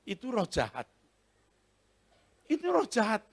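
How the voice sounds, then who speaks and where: A male pastor preaching a sermon with animated storytelling, often laughing and acting out scenes, in a convention hall. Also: high voice, a little slow, husky. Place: large convention hall, Christmas service.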